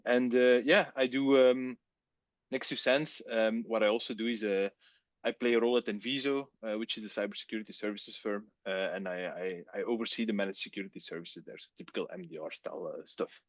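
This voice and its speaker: Speaking with a Flemish accent, this Dutch-native Belgian man hosts a technical webcast casually, chatting and using lots of fillers. His pitch is medium, there is no room sound, and the audio is dull.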